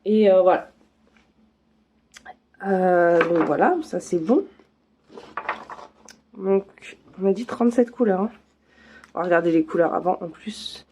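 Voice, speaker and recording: A woman chats casually as she unboxes craft kits, her voice mellow and soft-edged. She talks in loose, easygoing runs, stopping often for fillers and restarts. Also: lowish voice, a little slow, long pauses, slight background noise. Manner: chatty, many fillers and restarts. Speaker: craft vlogger.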